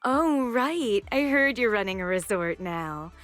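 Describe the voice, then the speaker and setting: A woman's voice: mid-range voice, expressive, unhurried, fairly bright tone, soft background music. A woman playing a snobbish rich young heiress and sorority president in an anime game, condescending and mockingly polite. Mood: smug, disdainful.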